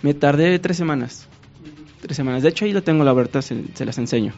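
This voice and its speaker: A man with a Mexican accent tells a long story as a guest, acting out the voices of the people he met in a lively way. His voice sits a little high for a man. The audio is muffled and lo-fi, with faint music underneath. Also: quick pace. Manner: animated, acts out quoted dialogue. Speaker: guest painter. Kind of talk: casual storytelling.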